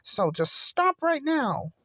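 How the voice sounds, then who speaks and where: An earnest teenage boy who dreams of being a hero stands his ground against a bully, voiced by a fan actor. He speaks in a plain voice at an unhurried pace. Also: sits high, big pitch swings, fairly bright tone, dry recording, studio quality, pitched above the performer's own voice, heavily acted. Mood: determined. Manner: stubborn, threatening to tell on a bully. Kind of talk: fan voice acting.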